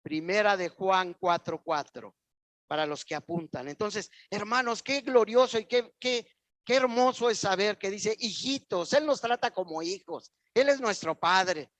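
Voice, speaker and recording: High-voiced Mexican pastor preaching. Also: male voice, measured pace, a bit bright, dry recording. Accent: Mexican Spanish. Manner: emphatic, repetitive, addresses the congregation directly. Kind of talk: sermon with personal testimony. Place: church.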